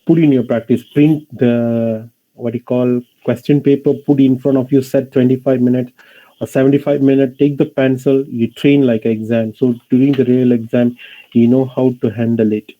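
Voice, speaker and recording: A man's voice: mid-range voice, level tone, moderate pace, narrow, tinny audio. Malaysian English teacher, man, thin audio. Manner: didactic, repeatedly addressing the class.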